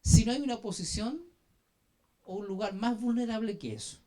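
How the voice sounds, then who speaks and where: A man preaching a sermon as an apostle, telling a story dramatically and urging the congregation to answer and turn to one another. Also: moderate pace. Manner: dramatic storytelling, swinging from hushed low phrases to loud emphatic bursts; addresses the congregation directly with call-and-response prompts.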